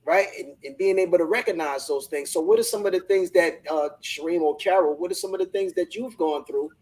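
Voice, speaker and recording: Hosting a live online business discussion, a man speaks in a high, slightly mellow voice at a somewhat quick pace. He's enthusiastic and motivational, often repeating words as he launches into a thought, and the audio quality is poor.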